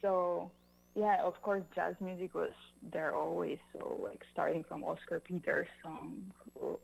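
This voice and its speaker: A Russian woman, a musician appearing as a guest, answers interview questions in an easygoing way, using lots of fillers like "like" and "you know" and laughing easily. Her voice is lowish and creaky with little pitch movement, a bit slow, and the recording is rough.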